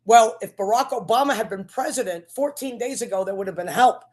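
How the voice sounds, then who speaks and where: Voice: mid-range voice, a little fast. A commentator giving an impassioned, sermon-like political rant in an accusatory, repetitive, preachy manner.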